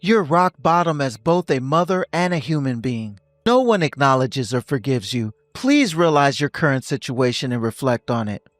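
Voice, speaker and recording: A man in his fifties voicing a stern husband who speaks calmly and coldly, lecturing his wife. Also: mid-range voice, moderate pace, few pauses, no echo, clean studio sound, close to an everyday voice. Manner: calm, cold and lecturing. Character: stern husband ending a toxic marriage.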